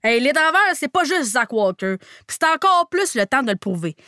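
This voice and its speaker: A woman with a Québécois accent hosting a comic recap podcast, slangy and animated, playing a mock hockey coach. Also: sits high, moderate pace, dry recording, clean studio sound. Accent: Québécois French. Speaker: podcast host recapping a TV series.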